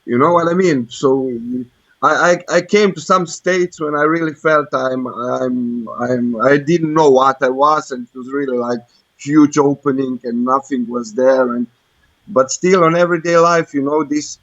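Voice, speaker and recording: A man with a Croatian accent calls in for a casual, personal chat, speaking hesitantly and groping for words. His mid-range, fairly bright voice stays fairly even and unhurried, with no echo. The sound is a dull, lo-fi internet voice call.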